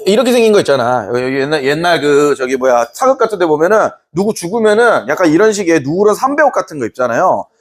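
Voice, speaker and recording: A man's voice: on the high side, big pitch swings, quick pace, hardly any pauses. A man teaching a history class to students in a playful lecture, laughing and acting out quotes.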